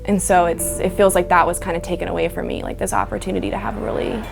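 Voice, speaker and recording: A young woman speaks quietly in a documentary interview, her phrases halting and full of fillers. A clear music bed plays beneath her voice. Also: on the low side, little pitch movement. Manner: soft, halting, frequent "like". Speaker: interviewee, daughter of a victim.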